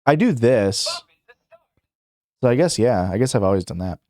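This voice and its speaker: During a live stream, a young adult man reads out questions and answers them in a casual ramble, full of fillers, restarts, self-corrections and chuckles. His medium-pitched voice has lively intonation at a normal speed and a darkish tone, with no room sound.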